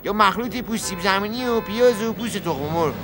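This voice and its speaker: A man's voice: sits high, over music, natural voice. An actor playing a cheeky male junk-peddling taxi passenger who rambles on boastfully in a comic sketch. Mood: rambling. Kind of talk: comic puppet-show acting.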